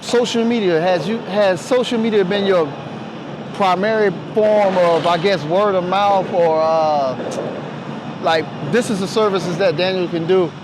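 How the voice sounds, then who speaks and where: A man, hosting a casual, slangy interview. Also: sits high. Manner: informal, slangy, repeats agreement. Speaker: podcast interviewer, show host. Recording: clear traffic noise outdoors.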